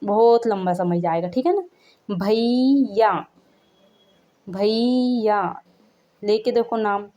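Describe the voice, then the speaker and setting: A woman's voice: mid-range voice, lively intonation, slow, dark tone. A woman teaching a Hindi grammar lesson in a casual classroom way. She keeps checking that the viewer follows and stretches out sounds to show them. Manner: repeats "theek hai na" after each point, asks the viewer questions; stretches out sounds to show how long they are.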